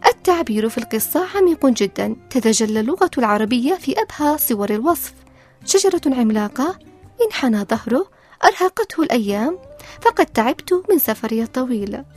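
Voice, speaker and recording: A woman's voice: on the high side, animated, brisk. A woman presenter narrating a moral story and explaining its lessons in a scripted, reflective teaching tone. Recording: soft background music.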